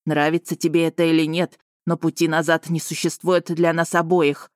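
Audiobook: woman reading a cold, possessive dragon lord, menacing and hissing, lowish voice. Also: flat delivery, normal speed, a little mellow, dry recording, studio quality, natural voice.

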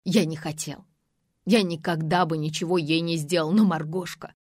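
A cornered young deserter pleads his case, agitated and defensive, as a woman reader puts him on. The voice sits low and sounds dry and close, like a storybook audiobook. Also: steady tone, moderate pace, a little mellow, no echo. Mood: pleading.

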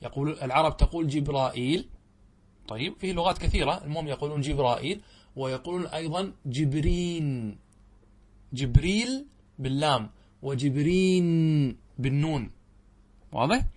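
A man's voice: a little high, slightly rough. A middle-aged man, a religious scholar, teaching a classical Arabic grammar lesson, explaining patiently and checking that his students follow. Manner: reads quoted verses aloud slowly.

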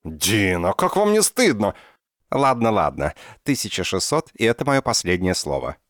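A man voicing an excitable, theatrical professor in his sixties who rolls his R softly, in an audiobook. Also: lowish voice, moderate pace, no room sound, studio quality. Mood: theatrical haggling. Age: 60s. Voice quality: soft burred R. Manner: theatrical, exclamatory. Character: excitable old male professor, theatrical and haggling. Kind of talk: audiobook character voice.

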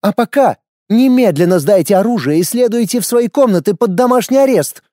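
Haughty elf commander, female, icy and scornful, voiced by a male narrator; pitched well up and clipped, in a dry audiobook read. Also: animated, brisk, dark tone, dry recording. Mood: threatening.

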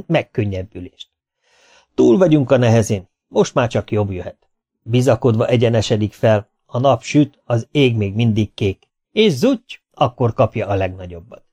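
Man, audiobook reader, lively, expressive, humorous, medium pitch. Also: slightly rough. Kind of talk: scripted first-person narration.

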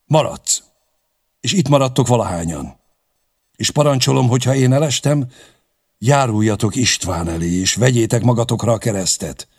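A man reading the lines of a grim, proud pagan warlord in a grave, measured voice. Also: medium pitch, lively intonation, a little mellow, breathy edge, pitched above the performer's own voice. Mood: commanding.

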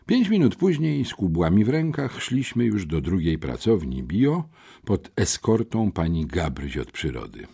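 A man reading a children's book aloud in first person, expressive and wry. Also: sits low, a little slow, gravelly, husky. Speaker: audiobook narrator.

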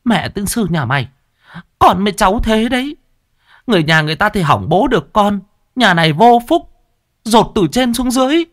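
A man voicing a desperate middle-aged village wife, crying out in shrill pleading scolds. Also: very animated, moderate pace, no echo, clean studio sound, natural voice. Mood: wailing scold. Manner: shrill wailing cries, scolding.

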